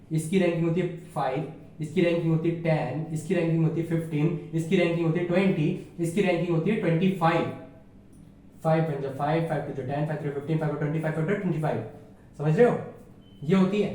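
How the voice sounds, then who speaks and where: A man's voice: fairly high pitch, mellow. A man teaching an exam-prep reasoning lesson in a casual, chatty way, often checking whether his listeners follow along. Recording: very echoey room, voice far from mic.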